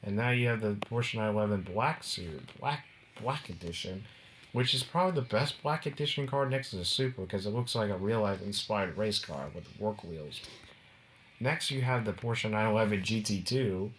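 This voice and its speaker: A man's voice: on the low side, normal speed, fairly bright tone, a little hiss or hum. A man casually running through the cars of a video game, rambling and often breaking into giggles.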